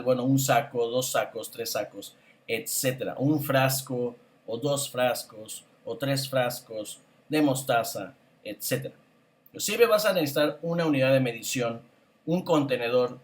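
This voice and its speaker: A male teacher gives a patient language lesson at an unhurried pace, with a mid-range voice. He repeats each word several times so learners can drill it. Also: medium pitch. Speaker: English teacher. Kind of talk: spoken grammar and pronunciation lesson.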